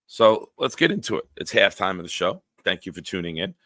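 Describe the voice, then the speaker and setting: In his forties, this live-stream host has a deep, smooth, very low voice and fires blunt, profane banter at his chat while reading viewer comments. He speaks forcefully and punchily, in a brisk, sing-song way. The recording is dry and close, with no room sound at all.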